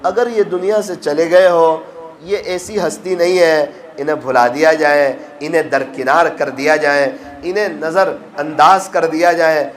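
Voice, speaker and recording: A man's voice: fairly even intonation, slight background noise. A man preaching a sermon, telling moral stories with emotion and acting out the voices of the people in them. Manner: emotional, acts out quoted voices with rising pitch. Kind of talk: sermon with storytelling.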